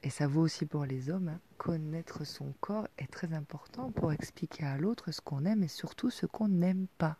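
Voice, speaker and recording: A woman in her forties giving intimate advice, talking softly and hesitantly with many fillers, often sinking to a near-whisper. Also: sits low, normal speed, few pauses, noisy background. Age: 40s. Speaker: sex educator.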